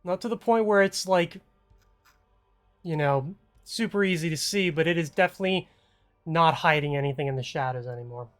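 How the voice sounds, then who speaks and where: Calm gm narrating a tabletop game, measured, faint music behind. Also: medium pitch. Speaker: game master.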